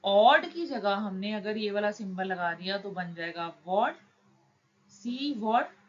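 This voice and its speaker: A woman teaching shorthand, explaining each word slowly and patiently, step by step. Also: expressive. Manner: slow, patient, drawn-out words. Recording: dull low-fi recording with faint noise.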